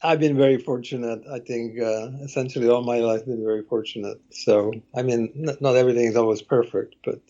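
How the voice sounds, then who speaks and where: A man in his sixties from Slovakia, a guest on an interview podcast, telling his story in a reflective, unhurried way. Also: medium pitch, steady tone, dark tone, muffled recording. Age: 60s. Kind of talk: casual interview conversation.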